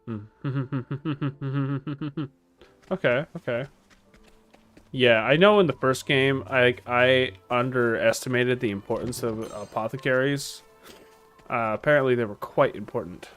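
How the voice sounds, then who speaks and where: A man's voice: medium pitch, fairly even intonation, measured pace, a bit bright. A man doing casual, playful, slangy video game commentary with game music behind him.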